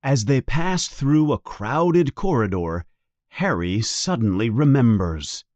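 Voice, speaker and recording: A man narrating a children's storybook aloud in an expressive, unhurried way. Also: mid-range voice, no echo.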